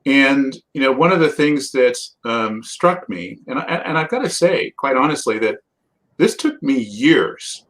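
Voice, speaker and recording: A man's voice: medium pitch, big pitch swings, unhurried, a bit bright, rough recording. Thoughtful middle-aged male guest. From Canada. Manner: thoughtful, with frequent restarts. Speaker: guest expert. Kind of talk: conversational interview answers.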